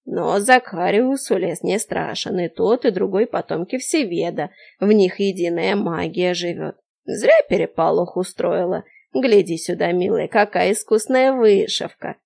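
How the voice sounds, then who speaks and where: A woman voicing a nosy, drowsy old shopkeeper woman who speaks slowly and dismissively in a creaky, mumbling voice. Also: on the low side, darkish tone. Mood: soothing. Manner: slow, unhurried and dismissive. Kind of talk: audiobook character voice.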